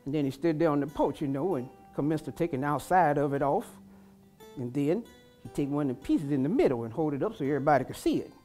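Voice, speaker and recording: A woman historical interpreter telling a first-person story in a folksy, dialect-rich, animated way. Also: deep voice.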